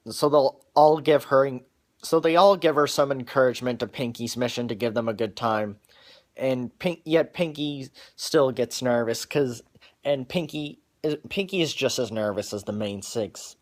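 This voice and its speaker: A man talking casually through the plot of a cartoon episode in his own everyday voice, pitched in a middle range. He stops and restarts often, doubling words before pushing on with the story. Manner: halting, with frequent restarts and repeated words; wears glasses on camera.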